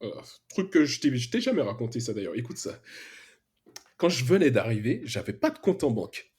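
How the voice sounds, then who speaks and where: Very animated and a little fast, a young Martinican man with a husky, darkish mid-range voice shares his story on a podcast. The freelance web developer speaks with an Antillean French accent, hesitating often and using plenty of slang.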